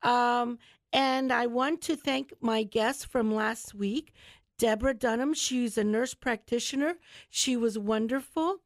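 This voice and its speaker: A woman's voice: a little high, a little slow, dry recording. A woman hosting a talk show, chatty and effusive, full of heartfelt praise for her guests.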